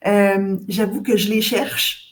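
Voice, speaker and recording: Québécoise d'âge moyen au ton moyen, causante et hésitante, en balado. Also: female voice, mid-range voice, steady tone, slow pace. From Quebec. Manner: warm, chatty, many hesitations. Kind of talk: casual podcast conversation.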